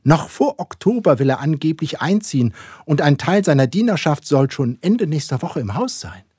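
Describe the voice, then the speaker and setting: A man voicing a fussy, excitable middle-aged mother who is set on marrying off her daughters, impatient and pushy. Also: on the high side, normal speed, husky, no room sound, clean studio sound, pitched above the performer's own voice. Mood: eager.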